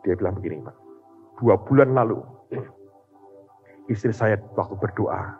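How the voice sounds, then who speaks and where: A man, preaching a sermon as a pastor, telling a testimony with animated storytelling that rises to loud emotional peaks. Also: fairly low pitch, measured pace. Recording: dull reverberant church hall recording with faint music.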